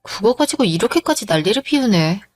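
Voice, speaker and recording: A woman's voice: mid-range voice, very animated, fairly quick, dry recording, clean studio sound. A woman voicing a tired young wife who defends herself against her husband's jealous accusations, in a dramatized story. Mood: explaining. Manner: defensive, weary, pleading.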